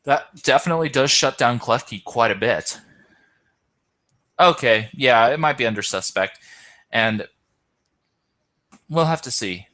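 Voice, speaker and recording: A man's voice: medium pitch, expressive, a little slow, pauses often, sharp tone. Tired man commentating an online game. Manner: hesitant, many ums and self-corrections. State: tired, yawning. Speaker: tournament host and commentator.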